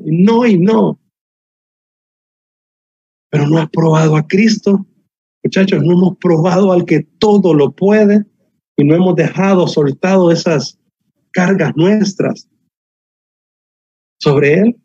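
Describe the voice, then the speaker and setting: A man preaches a sermon, driving points home with repetition and light humor. His voice sits a bit high yet mellow and husky. The sound is dry and muffled, like a video call. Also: no echo. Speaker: pastor.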